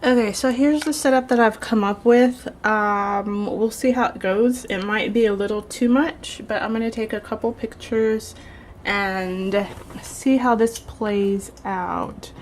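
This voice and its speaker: A woman's voice: medium pitch, fairly even intonation, unhurried. A woman vlogger talking casually and informally as she explains what she is doing. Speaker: vlogger and candle maker. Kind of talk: casual vlog chat and tutorial. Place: indoors at home. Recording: faintly noisy home recording.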